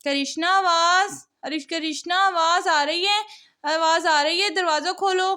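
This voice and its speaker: A woman's voice: very high-pitched, unhurried, bright, forceful tone, full character voice. A woman voicing the husband's worried, insistent young male friend in a cartoon story. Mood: urgent.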